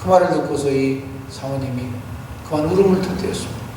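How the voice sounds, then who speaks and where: A man's voice: a little high, fast talker, dark tone, very echoey, in a large hall, a little hiss or hum. A male pastor giving a Sunday sermon in a church sanctuary. He exhorts earnestly, tells stories, and asks rhetorical questions, picked up by a distant room mic.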